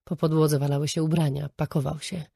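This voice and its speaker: A woman narrating a novel in the first person, measured and reflective. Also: low voice, flat delivery, gravelly, warm tone, husky, no room sound, clean studio sound. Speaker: audiobook narrator.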